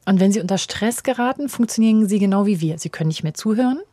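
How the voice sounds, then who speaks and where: A woman's voice: mid-range voice, fast, dry recording. A middle-aged woman, a parenting expert, talking in an interview and acting out the voices of parents and children as she explains. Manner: animated, acts out quoted voices of children and parents. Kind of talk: conversational interview.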